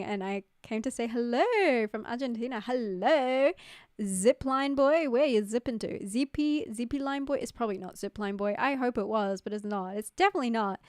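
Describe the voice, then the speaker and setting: Slightly high and darkish, her voice stays smooth as this young New Zealand streamer chats with viewers and reads their messages, full of "like" and "um" and quick laughter. She streams from home in Queensland, and the close-up studio mic yields studio quality with no room sound.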